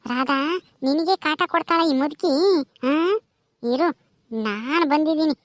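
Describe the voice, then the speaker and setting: A woman's voice: measured pace, no room sound, highs cut off. A woman doing a vengeful ghost first wife. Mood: menacing. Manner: scolding, vengeful, low.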